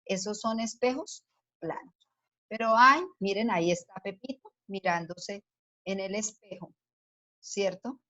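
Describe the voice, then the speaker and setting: A woman's voice: medium pitch, a little slow, pushed and bright. A woman teacher giving a science lesson to children, explaining patiently step by step and asking the class questions as she goes. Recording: dull lo-fi sound.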